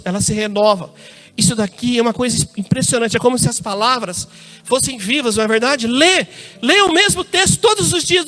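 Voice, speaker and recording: High-voiced Brazilian preacher. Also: male voice, a bit bright. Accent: Brazilian Portuguese. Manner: addresses congregation as brothers, tells personal anecdotes. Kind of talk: sermon. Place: church.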